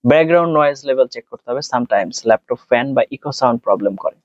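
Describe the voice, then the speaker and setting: Talking very fast with lively intonation, this mid-range-voiced man with a Bangladeshi accent tutors for exams, explaining tips one step at a time and mixing in English words. It's a spoken tutorial with no echo and a dull, dry sound.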